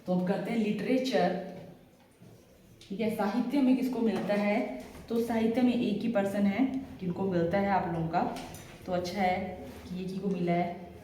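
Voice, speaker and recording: A woman teacher, giving a classroom lecture and repeating names slowly, with a steady "okay" after each point. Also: medium pitch, slight background noise. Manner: repeats names slowly with memory tricks, frequent "theek hai". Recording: echoey classroom, far from mic.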